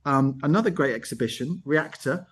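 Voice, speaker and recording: Live on a video call from an art gallery, a man hosts a casual online call for an arts network. He talks in a chatty, discursive way, with a medium-pitched, animated voice and a slightly fast pace.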